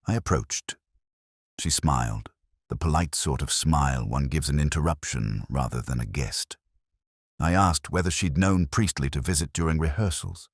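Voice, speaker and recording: A man with a very low, rumbling, husky voice narrates a detective story in the first person, measured and reflective. The recording is dry and close, with no room sound.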